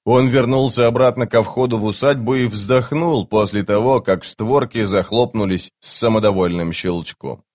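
A man with a fairly low voice narrates a fantasy audiobook. His delivery is measured and steady, suited to long-form storytelling.

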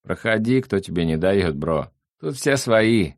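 A man voicing a scruffy, hoarse young slacker who drawls slang in a sing-song way. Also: on the low side, animated, measured pace, dry recording, studio quality, pitched above the performer's own voice. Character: scruffy bearded young rapper type, laid-back.

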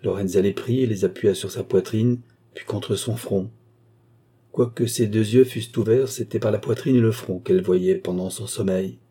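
A man narrating a novel as an audiobook in a measured, even manner. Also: lowish voice, husky. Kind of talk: scripted narration.

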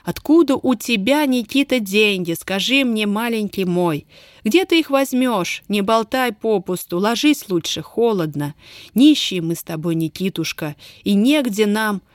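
A woman reading an audiobook, voicing a proud, poor young Roma woman who scolds and then coaxes softly. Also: medium pitch, lively intonation, measured pace, no room sound, studio quality, close to an everyday voice. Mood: bitter. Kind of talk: audiobook character voice.

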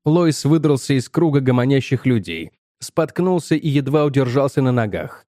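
A man narrating an audiobook in a measured, tense storytelling manner. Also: medium pitch, expressive, warm tone, no echo, clean studio sound.

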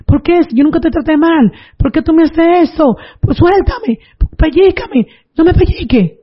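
A woman's voice: lively intonation, unhurried. A woman voicing a dying old grandmother who wails and pleads in burning pain, on a dull lo-fi recording. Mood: wailing. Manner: high, pleading, wailing cries.

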